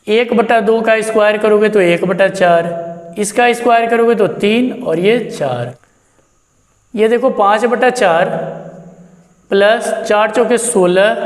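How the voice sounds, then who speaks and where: A man with a high voice teaches a math lesson and walks through every step. He asks his own questions and answers them in a friendly, chatty tone. The room is echoey, with a long reverb trailing his words. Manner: chatty and encouraging. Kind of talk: classroom lesson.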